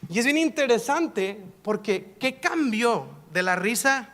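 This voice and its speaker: A pastor preaching a sermon, telling a personal story in a lively, playful, self-mocking way. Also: male voice, very high-pitched, a little slow.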